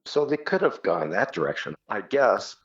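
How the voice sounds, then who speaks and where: A man with a fairly low, sing-song voice reminisces at a moderate pace while being interviewed. A rock singer, he tells stories in casual conversation and acts out short quotes, on a dull, muffled recording.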